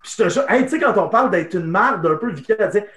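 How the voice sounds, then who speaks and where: Young québécois guy telling a wild story, goes quiet for punchlines, roomy echo. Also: high voice, very fast. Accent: Québécois French. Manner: animated anecdote telling, dropping to hushed tones for the punchlines. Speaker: improv guest. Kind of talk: casual storytelling.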